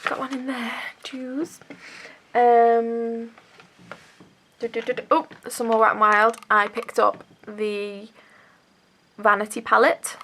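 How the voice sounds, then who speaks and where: Young girl rambling thru a makeup haul w a stuffy cold, kinda high, lots of fry. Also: level tone, slow pace, long pauses, fairly bright tone, slight background noise. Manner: chatty, rambling, lots of fillers. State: bunged up with a cold. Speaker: beauty vlogger. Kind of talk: casual haul chat.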